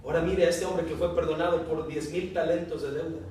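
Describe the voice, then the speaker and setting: A man's voice: a little high, fairly even intonation, fairly quick, darkish tone. A man preaching an evening sermon, putting questions to his congregation and reading scripture aloud. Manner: calls out questions and the congregation answers back; reads scripture aloud, raising his voice for dialogue. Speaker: pastor. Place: church sanctuary. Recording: very echoey hall, from a distance, faint hiss.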